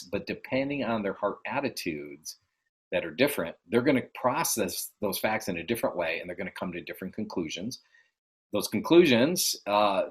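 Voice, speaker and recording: A man's voice: lowish voice, husky. A man giving earnest, encouraging motivational advice as a life coach, repeating his key phrases. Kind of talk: motivational podcast talk. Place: New York City.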